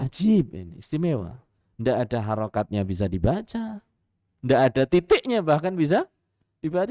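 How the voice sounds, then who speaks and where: An Islamic preacher with a high-pitched voice and a Javanese accent gives an animated radio sermon, full of stories, rhetorical questions and chuckles, captured in clean studio sound without echo.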